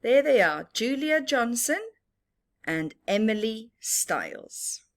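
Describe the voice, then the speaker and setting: A woman with a slightly high voice and wide swings in pitch takes her time during a story time for little ones. Her delivery is singsong and repetitive, and she asks her young viewers questions, then supplies the answers.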